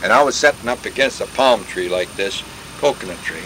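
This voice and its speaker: An older veteran telling war stories in a rambling, folksy way, full of restarts and sound effects. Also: male voice, on the low side, expressive, brisk, pushed and bright, a little hiss or hum, poor audio. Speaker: veteran interviewee. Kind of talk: oral history war reminiscence.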